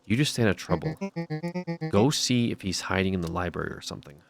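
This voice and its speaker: A man's voice: low-pitched, lively intonation, fast, vocal fry, soft background music. A man voicing a blunt, worried, tough girl who demands answers in a mystery game. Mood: tense, blunt.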